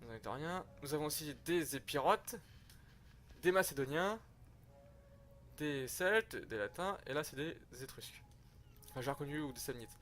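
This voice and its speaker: A man's voice: on the high side, expressive, normal speed, long pauses, fairly bright tone. A young man giving rambling, slangy, self-mocking commentary over a strategy game he is playing. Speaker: gaming youtuber. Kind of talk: casual gameplay commentary.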